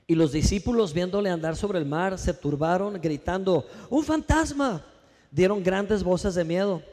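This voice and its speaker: A male pastor preaching a sermon in a church, with lively rhetorical questions and calls for the congregation to answer. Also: high-pitched, moderate pace, big-room sound.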